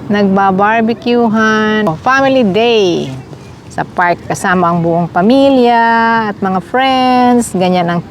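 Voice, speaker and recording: A woman's voice: medium pitch, slow, slight background noise. A middle-aged woman from the Philippines talking casually to her viewers while walking through a park. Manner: chatty, addresses viewers as guys. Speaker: vlogger. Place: outdoors in a park.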